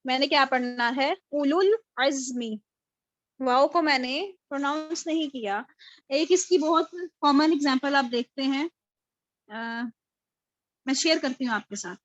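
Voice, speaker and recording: Heard through dull, lo-fi video call audio, a woman runs a live online recitation class. She walks through the material step by step and answers her own questions. Her voice is high-pitched and fairly bright, with no room sound.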